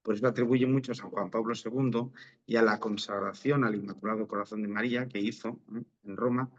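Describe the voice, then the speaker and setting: A man's voice: on the low side, steady tone, brisk, highs cut off. A priest, a man with an accent from Spain, giving an informal, explanatory religious talk and often checking in with short question tags.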